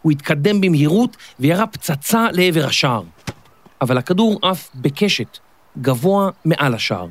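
A man narrating a scripted children's story in a clear, expressive storytelling manner. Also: on the high side, slight background noise. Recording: dry studio, faint music.

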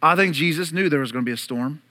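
A man's voice: fairly high pitch, fast talker, sharp tone. A man preaching a sermon to his congregation, telling the story dramatically with playful asides to the room. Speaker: pastor. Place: church service before a congregation.

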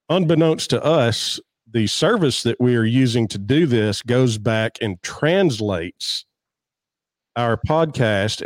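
A man's voice: medium pitch, no echo. A man co-hosting a podcast, telling a story in an easygoing way in casual chat. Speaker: podcast co-host.

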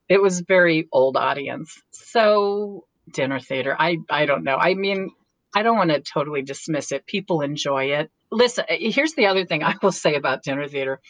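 A woman's voice: deep voice, fairly bright tone, no echo, poor audio. A woman actor chatting casually as an interview guest, laughing often and restarting her sentences. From United States.

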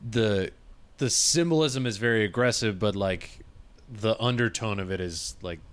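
Laid-back male host, somewhat low pitch, conversational. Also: moderate pace, smooth. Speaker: podcast host. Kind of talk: casual podcast chat.

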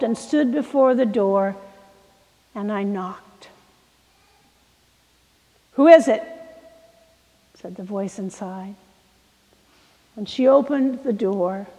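A woman preacher tells a sermon story in a slow, dramatic way, dropping to a hush and then pressing hard on key words. Her voice sits fairly high, and a long reverb hangs after each phrase. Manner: dramatic, shifts from hushed to emphatic.

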